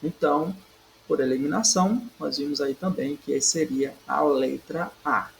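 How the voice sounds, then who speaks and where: Speaking a little slowly in a fairly high, creaky voice, a man walks through Portuguese exam questions as a teacher, checking in with "certo?" and stressing syllables by saying them louder. The recording is low quality, with slight background noise.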